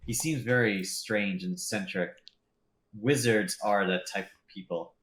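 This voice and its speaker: A man's voice: fairly low pitch, a little slow, a bit bright, a little hiss or hum. A man voicing a stern female warrior bodyguard in a tabletop game, formal and terse.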